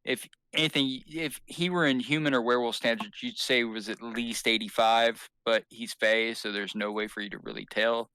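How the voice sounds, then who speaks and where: Male game master for a tabletop role-play, talks in a rambling way with many fillers, bright and crisp on a dry close mic. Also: medium pitch, fairly even intonation, moderate pace, few pauses, no room sound. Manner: rambling, hesitant description with fillers.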